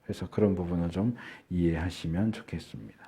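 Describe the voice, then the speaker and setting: A middle-aged male pastor delivering a sermon, unhurried, with frequent filler pauses and slowed words for emphasis. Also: low-pitched, steady tone, dark tone, slightly rough.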